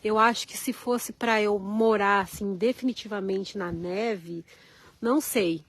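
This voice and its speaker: A woman's voice: medium pitch, a little slow, no room sound, rough recording. A woman with a Carioca Brazilian accent, chatting on a live vlog outdoors in the snow, greeting viewers by name as she walks around, feeling the cold. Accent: Carioca Brazilian Portuguese. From Rio de Janeiro, Brazil. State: cold, chilled hands. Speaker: vlogger. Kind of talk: live-stream chat outdoors, reading viewer comments. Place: outdoors at a snowy RV park.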